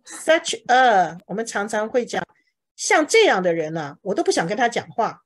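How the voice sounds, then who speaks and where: A woman's voice: medium pitch, sing-song. Woman teaching English grammar patiently. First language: Chinese. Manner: patient explaining, reads example sentences slowly. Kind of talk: online English class explaining grammar.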